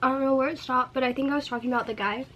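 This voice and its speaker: A young woman telling a story in a casual vlog while eating, chatty and animated, with frequent filler words and laughs. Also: high voice, rapid-fire, highs cut off, a little hiss or hum. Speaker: vlogger.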